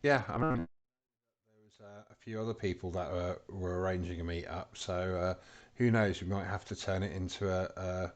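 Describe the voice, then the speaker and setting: A relaxed man from England hosting a casual chat on an audio panel. His voice sits low and easy. He talks in a wry, joking way with frequent laughs. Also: moderate pace. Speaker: host.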